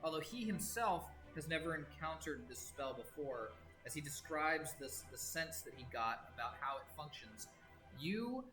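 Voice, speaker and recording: A man narrating as game master of a tabletop game, describing scenes with many pauses and restarts. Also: on the high side, very animated, music in the background, low-quality recording. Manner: halting, full of fillers and restarts, descriptive.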